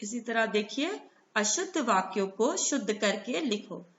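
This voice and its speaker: A woman's voice: fairly high pitch, sing-song, a little slow, fairly bright tone. A woman teaching a primary school class online, asking questions and patiently answering them herself. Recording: echoey room, dull lo-fi sound.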